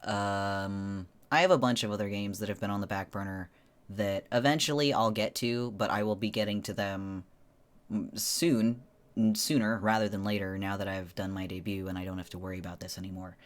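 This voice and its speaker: A man's voice: fairly low pitch, steady tone, fairly quick. A man streamer talking casually and informally to viewers on a solo livestream, in a rambling way.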